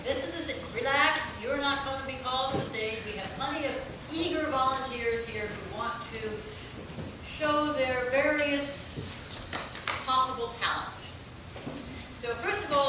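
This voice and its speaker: A fairly high-voiced woman emcees an improv show and coaxes the crowd in an upbeat way. She is heard from far off in an echoey theater, with clear noise behind her. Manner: upbeat, coaxing the audience. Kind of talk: hosting a live improv show. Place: small theater stage. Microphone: far room mic.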